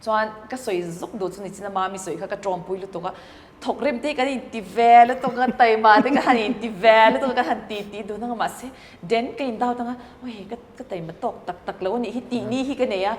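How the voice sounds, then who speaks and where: A woman talking in a relaxed, thoughtful way and mixing in English business terms, recorded in a cafe. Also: fairly high pitch, fast, hardly any pauses, big-room sound. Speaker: entrepreneur guest. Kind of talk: casual conversation.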